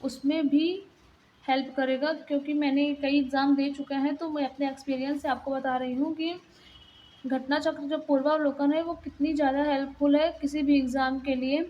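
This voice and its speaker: A woman's voice: sits high, flat delivery, moderate pace, lo-fi sound, slight background noise. A young woman giving a casual exam-prep lesson, explaining plainly while pointing things out in a book.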